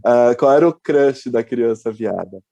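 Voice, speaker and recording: A man's voice: mid-range voice, measured pace, creaky, mellow, no room sound, dull audio. A male host, telling stories in casual chat and often restarting his sentences. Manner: chatty, hesitant restarts. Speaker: podcast host.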